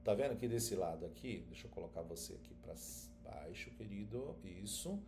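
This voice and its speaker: Casual man with a mellow voice. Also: fairly low pitch, expressive, brisk, gravelly, faint music behind. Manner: informal, addresses viewers directly, frequent filler checks. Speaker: teacher. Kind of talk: screen-share tutorial.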